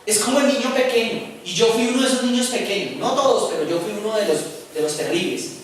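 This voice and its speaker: A man's voice: high-pitched, quick pace, slight background noise. A man preaching a sermon, speaking conversationally and putting questions to the congregation. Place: church. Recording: echoey church from far off.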